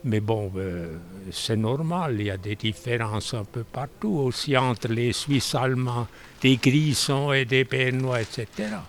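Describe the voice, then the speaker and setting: A man talking in an unhurried, good-humored way in an interview. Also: medium pitch. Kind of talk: casual chat.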